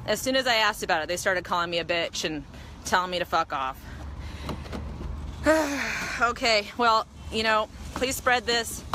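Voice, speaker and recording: A woman's voice: medium pitch, expressive, normal speed, background noise. A shaken woman filming on her phone in an outdoor store parking lot, pleading and tearful. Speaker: mother filming a confrontation. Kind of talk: phone video narration. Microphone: handheld phone.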